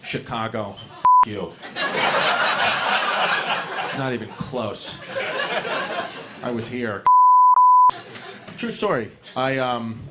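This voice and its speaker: A man's voice: mid-range voice, extremely slow, long pauses, very noisy. Brash, profane stand-up comic man. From New York. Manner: brash, profane and rambling, laughing at his own lines. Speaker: stand-up comedian. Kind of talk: stand-up comedy set. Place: comedy club stage.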